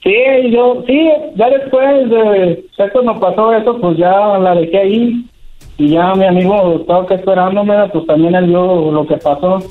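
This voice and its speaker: A man with a Mexican accent calls in over a tinny, narrow phone line. His voice sits fairly high, and he tells his story hesitantly, stringing it together with "pues" and "¿verdad?". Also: normal speed. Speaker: caller telling his story. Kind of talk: casual storytelling on a phone call.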